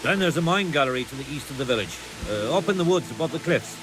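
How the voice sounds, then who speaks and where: A man's voice: a little high, expressive, quick pace, close to an everyday voice, rough recording. Man acting a wary village tradesman over music. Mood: grudging, cooperative. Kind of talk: video game dialogue.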